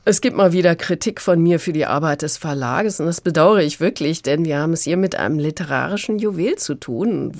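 A woman's voice: sits low, dry recording. A woman reviewing a book on radio, fluent and engaged, pointedly critical. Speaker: literary critic.

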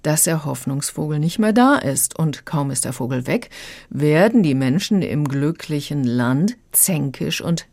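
Low-voiced female book critic. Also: a little mellow. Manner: thoughtful, explaining. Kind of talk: radio book review.

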